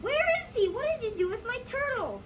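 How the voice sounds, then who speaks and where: A woman's voice: very high-pitched, animated, fairly quick, voice pushed up. A young female reader voicing an upset, possessive fourth-grade boy in an emphatic readers theater style. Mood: frantic, pleading. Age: child reader, fourth grade. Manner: emphatic, pleading. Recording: distant microphone, clear background noise.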